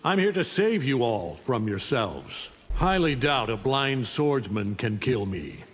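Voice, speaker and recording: A man's voice: medium pitch, big pitch swings, takes it slowly, breathy edge, exaggerated voice. A man playing an arrogant, menacing alien conqueror in a video game, speaking with cold, contemptuous command. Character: arrogant, menacing alien superpowered conqueror, mature male warrior. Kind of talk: video game fight intro acting. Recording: long reverb on the voice.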